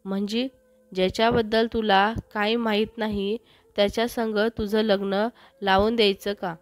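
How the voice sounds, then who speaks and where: A woman's voice: mid-range voice, flat delivery, moderate pace, no echo, faint music behind, natural voice. A woman reading as a scolding old grandmother. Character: exasperated old grandmother, quick-tempered.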